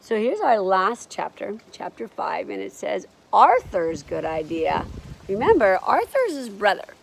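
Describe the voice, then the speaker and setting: A woman reading a children's chapter book aloud, with lively, encouraging asides to young listeners. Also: medium pitch, vocal fry, a little hiss or hum. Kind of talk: children's storybook read-aloud.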